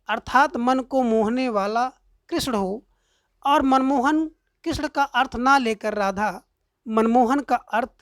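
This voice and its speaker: Slow, high-voiced woman teaching grammar. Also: no room sound, studio quality. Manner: slow, deliberate explaining, reciting verse examples. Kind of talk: explaining Hindi grammar lesson.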